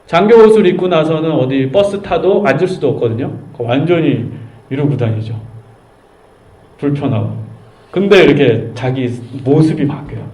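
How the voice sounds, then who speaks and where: Male pastor, animated sermon delivery, bright high voice, roomy church sound. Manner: animated preaching, addressing the congregation directly. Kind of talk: youth sermon.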